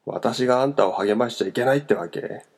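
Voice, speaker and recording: A man reading a novel aloud, voicing a sharp-tongued, exasperated woman in a scornful, challenging manner. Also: mid-range voice, fast talker, husky, voice pushed up, natural voice. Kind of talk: audiobook character voice.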